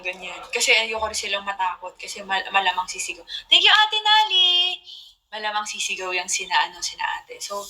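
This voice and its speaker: A woman's voice: medium pitch, pushed and bright, low-quality recording. A young woman hosting a casual livestream, chatting to viewers and laughing often as she tells a story. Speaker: livestream host.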